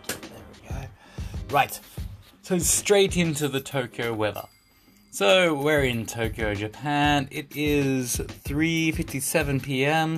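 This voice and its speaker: Jokey, rambling male podcast host over music. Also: medium pitch. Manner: jokey, rambling, repeats phrases for emphasis. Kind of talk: casual solo podcast chat. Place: indoor room in Tokyo.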